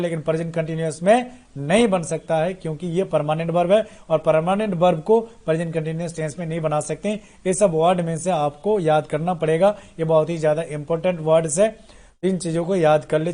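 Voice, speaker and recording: A man with a Bihari accent teaches an exam-prep grammar lesson. His voice sits a little high but has a warm, dark tone. He explains by posing questions and answering them himself. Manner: explains through repeated rhetorical questions.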